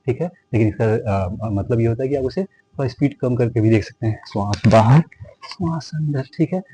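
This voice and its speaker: Faint music plays behind a yoga teacher with a Hindi accent as he leads a class in a warm, husky, mid-range voice, fairly quick and expressive. Again and again he addresses viewers as friends, counts breaths, and gently reminds them to rest when tired and not strain. The recording quality is low.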